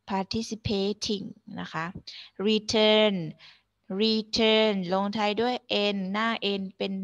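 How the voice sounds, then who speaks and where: A woman's voice: mid-range voice, gravelly, a bit bright, highs cut off. A woman teacher giving an online English lesson to primary pupils, explaining patiently and mixing with English words.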